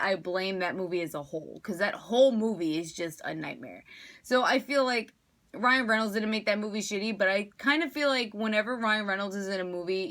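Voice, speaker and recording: A woman's voice: medium pitch, fairly bright tone. A woman giving a casual, enthusiastic spoken movie review, chatty and full of fillers.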